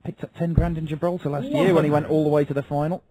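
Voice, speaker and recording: A man's voice: fairly high pitch, fairly even intonation, fast talker, mellow. A man calling a darts match as lead live commentator.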